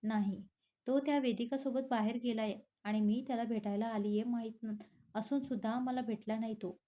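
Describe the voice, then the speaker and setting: A woman's voice: a little high, steady tone, normal speed, mellow, lightly acted. A woman voicing a heartbroken, tearful young woman in a storybook romance. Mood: hurt. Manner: hurt and pleading.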